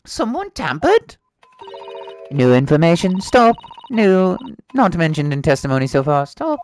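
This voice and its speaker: A man's voice: on the high side, very animated, a little slow, a little mellow, a little hiss or hum, pitched above the performer's own voice. A man voicing a terse video game juror who talks in telegram fragments, punctuating them with stops. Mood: brisk, clipped.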